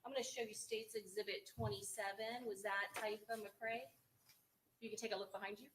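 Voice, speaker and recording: A woman prosecutor questions a witness in a courtroom recording. Her voice sits at an ordinary middle pitch, formal and measured, with an occasional um. A faint hum of the room lies under her. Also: level tone, a bit bright, poor audio.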